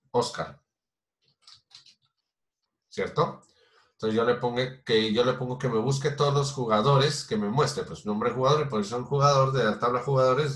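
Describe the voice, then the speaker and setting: A man's voice: medium pitch, fairly bright tone. A man teaching a programming class, explaining patiently step by step with many fillers and restarts. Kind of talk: recorded online class. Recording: roomy echo.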